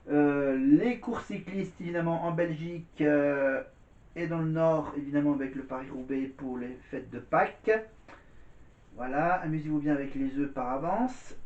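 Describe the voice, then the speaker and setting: At home indoors, a vlogger chats casually to camera, rambling, repeating words, and saying "voilà" often. His voice is on the high side and a little mellow, captured in an echoey room with dull lo-fi sound.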